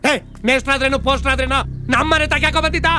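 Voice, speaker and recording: An actor playing a hot-tempered village uncle who shouts threats and insults in a film. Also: male voice, very high-pitched, flat delivery, rapid-fire, slight background noise, full character voice. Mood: threatening. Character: hot-tempered loud village uncle, middle-aged man. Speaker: girl's maternal uncle.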